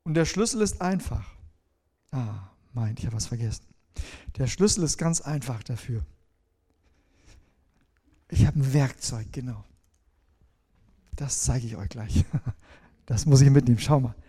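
A man's voice: medium pitch, lively intonation, measured pace, pauses often, warm tone, breathy edge. A middle-aged man preaching a sermon to his congregation, asking them questions and demonstrating with a folding rule as he talks. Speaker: pastor.

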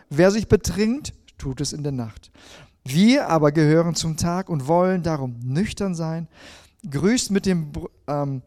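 In his sermon, this preacher addresses the listener head-on and reads from scripture, alternating between forceful emphasis and quiet moments. His voice is warm and mellow, pitched somewhat high for a man.

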